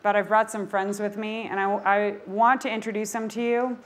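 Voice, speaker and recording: A woman who founded a nonprofit, giving a passionate, energetic talk on stage while presenting slides. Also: medium pitch, moderate pace.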